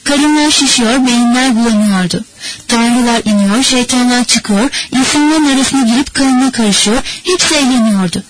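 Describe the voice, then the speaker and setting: A woman narrating a novel as an audiobook in a measured, steady reading manner. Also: on the high side, a little hiss or hum, poor audio. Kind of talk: scripted narration.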